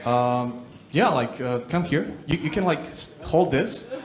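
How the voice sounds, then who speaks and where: A man's voice: fairly high pitch, animated, measured pace. A man in his twenties from Croatia giving a casual, self-deprecating startup talk on a conference stage, full of fillers and jokes. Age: 20s. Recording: roomy hall with crowd.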